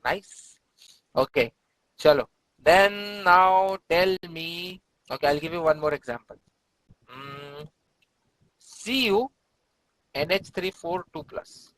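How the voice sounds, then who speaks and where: Male chemistry teacher, Indian accent, somewhat high voice, encouraging, live-class delivery with repeated short prompts. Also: lively intonation, takes it slowly, long pauses, a bit bright, poor audio.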